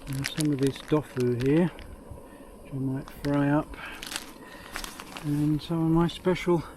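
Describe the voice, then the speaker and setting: A British man casually narrating a camping vlog to camera, musing aloud in an understated, halting way. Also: fairly high pitch, fairly even intonation, rough recording. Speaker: solo camping vlogger. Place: outdoors at a windy jungle campsite and inside a tent. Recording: loud wind and outdoor noise. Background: wind and camp ambience.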